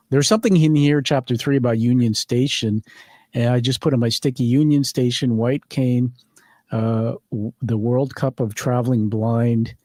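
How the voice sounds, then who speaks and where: A man's voice: medium pitch, a little mellow, no room sound, studio quality. Friendly rambling male podcast host. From Canada. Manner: friendly, rambling, laughs easily. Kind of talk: conversational interview. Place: studio.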